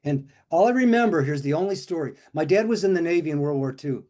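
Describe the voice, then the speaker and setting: A man's voice: fairly high pitch, lively intonation, quick pace, a little mellow. An older man co-hosting a casual chat, telling stories in a rambling way with many restarts and fillers. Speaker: co-host.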